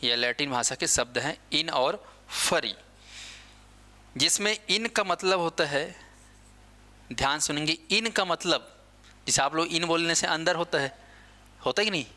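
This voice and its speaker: Man, teacher, classroom lecture, bright tone, slightly high pitch, asks and answers his own questions. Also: animated, measured pace, long pauses. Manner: asks questions and answers them himself, repeats key points; mixes English words into his speech.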